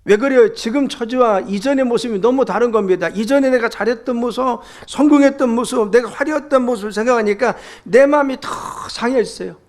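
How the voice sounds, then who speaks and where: A man's voice: very high-pitched, brisk, hardly any pauses. A middle-aged male pastor preaching a sermon in a church sanctuary, earnestly posing question after question to his congregation.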